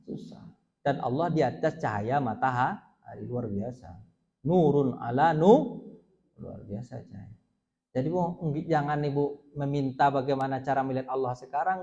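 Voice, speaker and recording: A man's voice: a little high, darkish tone. A man giving an informal religious lecture to a group of women, chatty and often asking them questions. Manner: chatty, asks the audience questions, acts out stories. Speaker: Islamic preacher.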